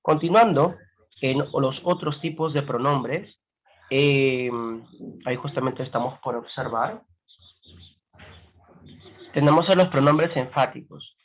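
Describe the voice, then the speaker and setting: A man teaching a grammar lesson, explaining slowly and checking in with frequent rhetorical questions. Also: medium pitch, poor audio. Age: adult with a grown son.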